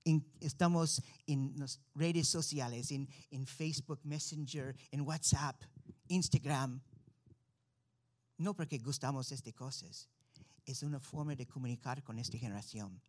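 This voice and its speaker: Preaching to a congregation, an American man from Florida, a native English speaker with an American accent, shares an earnest missionary testimony and sermon. He speaks at an unhurried pace in a mid-range voice with a darkish tone.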